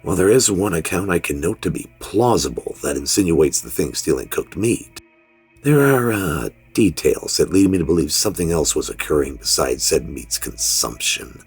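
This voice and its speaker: With faint music beneath him, a man delivers a horror story as a worn-out, fearful middle-aged father giving a solemn, measured first-person confession. His low, gravelly voice carries lively intonation and is heavily acted, the mood grave and wary.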